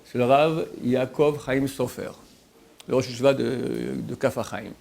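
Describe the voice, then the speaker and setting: A man with a gravelly, mid-range voice gives an informal sermon as a rabbi, telling anecdotes. He talks in bursts with restarts and acts out the lines of the people in his stories. Light background noise sits under the voice. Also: mid-range voice, unhurried. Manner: animated storyteller, acts out quotes, many restarts. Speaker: rabbi teaching a Torah class.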